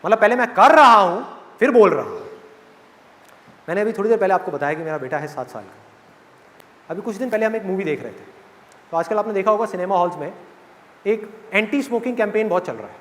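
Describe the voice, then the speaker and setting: High-voiced man speaking in a hall. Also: brisk, long pauses, slight background noise. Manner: animated, rhetorical questions to the audience. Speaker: motivational speaker. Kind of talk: live motivational speech. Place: large hall with live audience. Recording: echoey hall with faint crowd.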